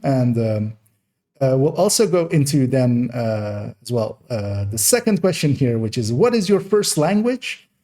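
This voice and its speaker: Speaking with a warm, mid-range voice, this young man runs a gaming channel and wanders through a rambling Q&A monologue, often restarting and using fillers. He was born in Iran, grew up in the Netherlands, speaks Farsi natively, and carries a blend of Persian, Dutch and American in his accent.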